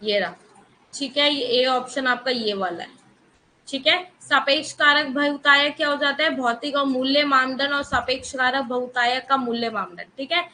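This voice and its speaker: Woman teacher, high bright voice, firm lecturing tone, faint background noise. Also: normal speed, low-quality recording. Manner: firm, scolding students in a live chat; mixes Hindi with English terms. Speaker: economics teacher. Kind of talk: online class lecture.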